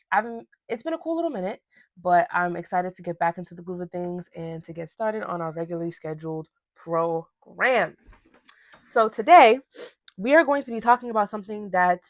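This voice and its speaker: A young Ghanaian woman runs her own podcast, delivering a casual, lively solo rant peppered with slang. Her voice is on the low side, with no echo in the recording.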